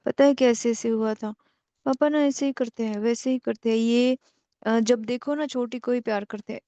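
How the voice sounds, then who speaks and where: A woman's voice: fairly high pitch, fairly even intonation, normal speed, dark tone, dry recording, highs cut off, close to an everyday voice. A woman voicing a grumbling elder sister. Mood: complaining. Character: resentful grown elder sister, complaining.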